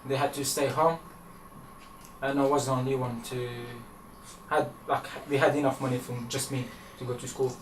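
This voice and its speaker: A man's voice: mid-range voice, level tone, distant mic, a little hiss or hum. Hesitant young man, echoey room. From Afghanistan. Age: young adult. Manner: hesitant, halting with fillers. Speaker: interviewee. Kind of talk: interview answers. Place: small indoor room.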